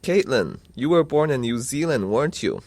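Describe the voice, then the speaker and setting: In a scripted listening-test dialogue, a man plays a polite, concerned uncle asking questions and seeking advice for his niece. His medium-pitched voice swings widely in pitch at a moderate pace, slightly mellow, and he sounds courteous and curious. The studio-quality recording has no echo.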